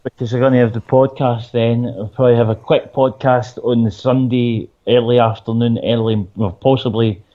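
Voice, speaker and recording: A man's voice: mid-range voice, fairly even intonation, moderate pace, hardly any pauses, highs cut off. A man with a Glaswegian accent co-hosting a podcast in casual, dry, matter-of-fact chat with some swearing. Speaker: podcast co-host. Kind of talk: casual chat about wrestling and gaming.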